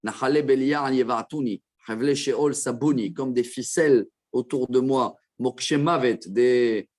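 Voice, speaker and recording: A man teaching a Torah class as a rabbi, explaining verses with quick asides to his listeners. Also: medium pitch, a little mellow. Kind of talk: Torah lesson.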